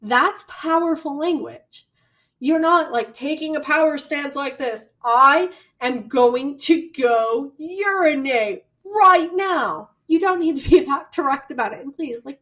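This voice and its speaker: A woman with a Midwestern American accent giving a recorded college lecture, chatty and animated, with storytelling asides. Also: high-pitched, moderate pace. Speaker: college communication instructor.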